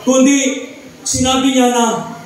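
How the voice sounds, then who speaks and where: A man's voice: very high voice, level tone, takes it slowly. A male pastor preaching and telling a funny story, often checking in with the congregation. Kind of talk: sermon with a humorous story. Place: church sanctuary. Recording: echoey church, voice picked up from a distance.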